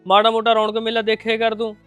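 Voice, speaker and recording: A caring brother in a family drama who coaxes and reassures his widowed sister, played by a man. His voice is smooth and fairly high, and he talks quickly. Soft music plays faintly behind him. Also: completely flat delivery, no echo. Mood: coaxing. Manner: coaxing, reassuring.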